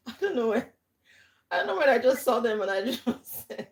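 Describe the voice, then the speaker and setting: A Nigerian woman with a fairly high voice and a Nigerian accent hosts a livestream as a coach, speaking at a normal speed. Her advice is casual and lively, and she stresses points hard and often repeats herself.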